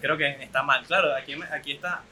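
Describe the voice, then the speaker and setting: A man's voice: fairly high pitch, steady tone, fast, pushed and bright, a little hiss or hum, low-quality recording. A young man with a Venezuelan accent hosting a casual podcast interview, chatty and teasing. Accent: Venezuelan Spanish. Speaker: podcast host.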